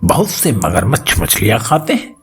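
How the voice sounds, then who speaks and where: A man's voice: on the low side, wildly swooping pitch, normal speed, a bit bright, slightly rough, soft background music, full character voice. A man voicing a dim-witted, hard-of-hearing old male clerk who mishears everything and drawls. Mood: befuddled.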